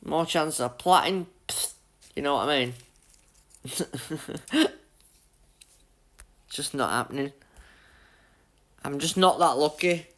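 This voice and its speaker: On a live stream, a young Yorkshire man plays a racing game and chats casually with viewers, calling them by name, laughing often and joking about his bad luck. His voice is a touch high for a man, fairly bright, and his easy, matey talk is slow with frequent pauses.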